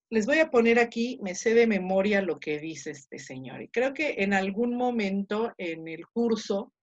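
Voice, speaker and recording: A woman teaching a Latin class online, slowly sounding out words syllable by syllable and correcting her own marks aloud. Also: fairly high pitch, lo-fi sound. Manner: corrects herself aloud while marking slides.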